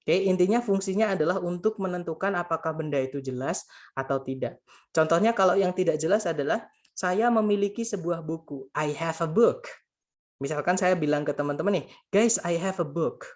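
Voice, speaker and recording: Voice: medium pitch, brisk. A grammar tutor giving a casual spoken lesson, patiently repeating points and translating each example while addressing the listeners as friends.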